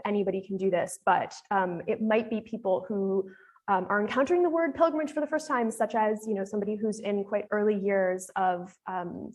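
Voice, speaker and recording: A woman's voice: mid-range voice, darkish tone. A woman with an American accent giving a casual, explanatory live demo presentation on a panel, talking with frequent fillers.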